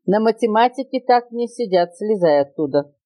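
A strict, know-it-all parrot from a children's tale, as a woman puts him on, lecturing with indignant emphasis. He stretches his words slowly and swings his pitch widely. The voice sounds close and dry. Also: lively intonation, warm tone, no room sound, lightly acted.

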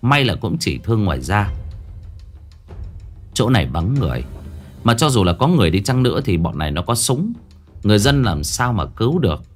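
Low-voiced man telling a dramatic story. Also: very animated, a little fast, long pauses, faint music behind. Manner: gruff and dramatic, acting out his own shouted lines. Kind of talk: first-person story narration.

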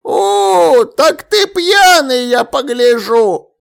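A nosy, fussy old woman from next door, put on by a male reader for an audiobook. Her voice is high and gravelly, and it swoops up and down as she scolds and drops into conspiratorial asides. She stretches out her exclamations. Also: big pitch swings, extremely slow, full character voice. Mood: scolding. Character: nosy fussy elderly woman neighbor, gossiping. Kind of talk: audiobook character voice.

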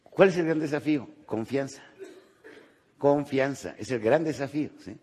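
A Mexican man giving a motivational lecture, animated and rhetorical, tagging his points with quick questions to the audience. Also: mid-range voice, a little hiss or hum. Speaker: motivational speaker.

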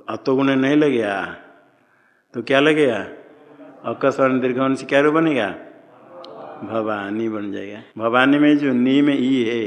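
Man, grammar teacher, unhurried questioning delivery, reverberant hall. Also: medium pitch. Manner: quizzing students, slow and deliberate. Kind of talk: classroom grammar lesson with questions.

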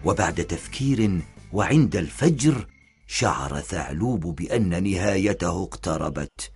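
A man narrating a children's story in a measured, expressive storytelling manner. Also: deep voice, breathy edge, soft background music.

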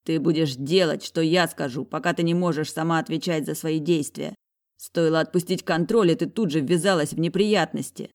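A woman voicing an angry, possessive young man who speaks slowly through gritted teeth. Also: sits low, a little mellow. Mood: stern. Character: stern possessive young man, barely holding anger.

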